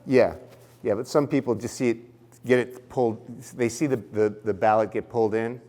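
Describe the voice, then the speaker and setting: Guy running poll worker training, middle pitch, chatty, lots of ums and restarts. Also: fairly even intonation, normal speed, warm tone. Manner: casual, explanatory, with fillers and restarts. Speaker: election trainer.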